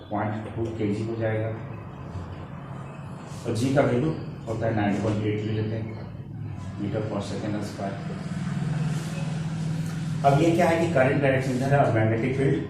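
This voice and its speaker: A man teaching physics at a board, switching between Hindi and English and quizzing himself as he explains each step. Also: on the low side. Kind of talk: classroom lecture at a board. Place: echoey classroom with a board. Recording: very echoey room, distant mic, faint noise.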